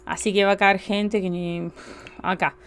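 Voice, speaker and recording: An Argentine woman streaming a game from home, chatting with viewers in a casual way and bursting into loud excited exclamations. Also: medium pitch, a little slow, clear, resonant tone. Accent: Argentine Spanish. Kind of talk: casual live-stream chat while playing.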